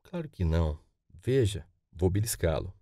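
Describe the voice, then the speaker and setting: A man voicing a friendly young woman caretaker who speaks softly and kindly. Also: low-pitched, very animated, moderate pace, no echo, clean studio sound, full character voice.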